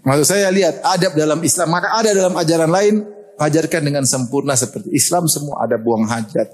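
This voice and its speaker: Animated husky male preacher. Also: a little high, fairly quick. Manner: animated storytelling, laughs often. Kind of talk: lively sermon.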